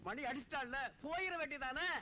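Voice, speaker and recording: A man's voice: very high voice, a little fast, sharp tone, slight background noise, exaggerated voice. An actor playing a cheeky village friend who teases his pal and gives him crafty advice about women. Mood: teasing. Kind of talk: Tamil film comedy acting.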